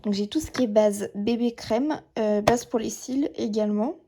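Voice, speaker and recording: Chatty woman vlogger, high voice. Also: moderate pace, dark tone, slight background noise. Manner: chatty, many fillers and "voilà". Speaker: beauty vlogger. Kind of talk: casual show-and-tell vlog. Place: at home by her dressing table. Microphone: camera or phone filming close.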